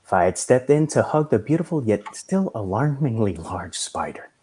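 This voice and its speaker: A man reading a story aloud in a measured storytelling manner. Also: mid-range voice, big pitch swings, warm tone, breathy edge. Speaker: reader.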